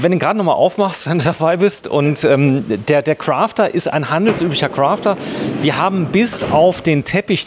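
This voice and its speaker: A man's voice: fairly high pitch, slight background noise. Casting: man, chatty host, casual demo patter, filler-heavy, joking. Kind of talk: casual on-site product demo.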